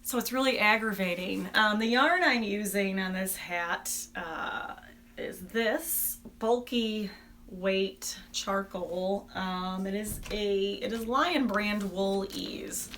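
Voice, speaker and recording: A woman with a bright, forward voice chats casually as a craft podcast host. Her delivery is unscripted and rambling, with an informal, self-deprecating manner. There is noticeable background noise in the recording. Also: mid-range voice, takes it slowly. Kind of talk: casual, unscripted video podcast chat about knitting.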